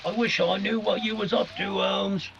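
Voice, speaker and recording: Man playing a creaky, blunt police inspector. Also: high-pitched, level tone, normal speed. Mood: determined. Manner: blunt, colloquial working-class speech. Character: gruff, determined male police inspector. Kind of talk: 1940s radio mystery acting. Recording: dull, clearly noisy live recording.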